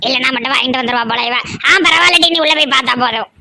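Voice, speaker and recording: A woman's voice: high voice, racing, vocal fry, pushed and bright, heavily acted. A woman voicing a snide, gossiping village woman in a cartoon comedy. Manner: snide muttered asides.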